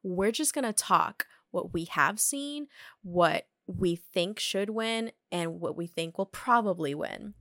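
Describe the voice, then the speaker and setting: Bright young gal hosting a film podcast, chatty, laughs a lot, dry close sound. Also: female voice, mid-range voice, expressive, takes it slowly, no echo. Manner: chatty, laughs often, lots of fillers. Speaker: podcast host. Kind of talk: casual film chat.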